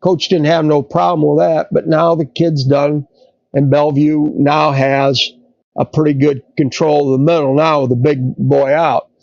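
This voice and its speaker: Gravelly man, fairly high voice, halting storyteller, dull dry lo-fi sound. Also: little pitch movement, a little mellow, dry recording. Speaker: podcast co-host. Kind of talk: casual storytelling.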